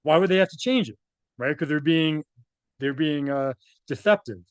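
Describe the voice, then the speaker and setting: This man's voice sits on the high side and is smooth, delivered at a moderate pace with no echo. He reads documents aloud, slipping into casual, conversational asides and often seeking agreement with a tagged "right?"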